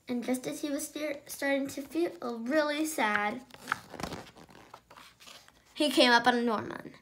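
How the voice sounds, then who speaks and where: A woman's voice: high voice, takes it slowly, long pauses, noisy background. A woman hosting a children's storytime, reading a picture book aloud and adding her own asides. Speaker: storytime host.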